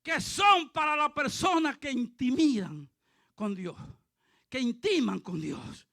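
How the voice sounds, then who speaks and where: A male pastor preaching a fervent sermon, dotting it with hallelujahs and rising to shouts. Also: extremely high pitch, lively intonation, slow pace, creaky, dry recording, clean studio sound. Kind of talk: impassioned sermon.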